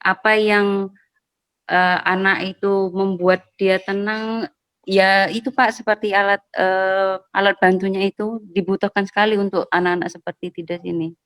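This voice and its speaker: A woman's voice: mid-range voice, flat delivery, moderate pace, a bit bright, clean tone, no room sound. Hesitant woman parent on a video call. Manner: hesitant, many fillers, addresses host politely. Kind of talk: casual online discussion.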